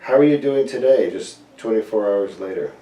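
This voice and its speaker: A man who works as a surgeon explains procedures clearly and talks right to viewers while interviewing a patient. He speaks at a moderate pace in a lowish, warm voice, and the recording uses a distant mic in an echoey room.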